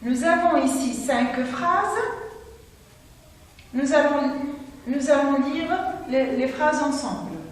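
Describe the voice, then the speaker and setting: A high-voiced woman teaching a children's lesson, speaking slowly and clearly and praising her pupils. Her voice comes from some distance in a very echoey hall with a long reverb. A faint hiss sits under the recording. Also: expressive. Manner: slow, clear and encouraging, reading example sentences aloud. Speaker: French teacher. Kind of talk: slow classroom lesson for children.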